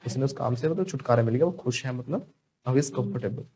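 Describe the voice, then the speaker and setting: A man's voice: medium pitch, fairly quick, warm tone, husky. A man teaching spoken English to a class, drilling students to repeat phrases after him.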